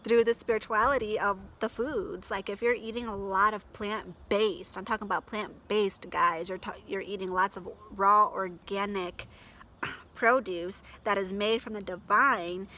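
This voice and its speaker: A woman's voice: medium pitch, steady tone, a little slow, bright, forceful tone. A woman talking in a heartfelt personal vlog, gushing and emotional, with many fillers. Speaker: vlogger.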